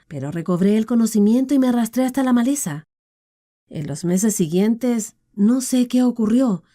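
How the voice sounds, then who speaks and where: A woman narrator with a Latin American Spanish accent voicing a scarred, limping man who speaks calmly and ruefully to his lost love. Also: medium pitch, lightly acted.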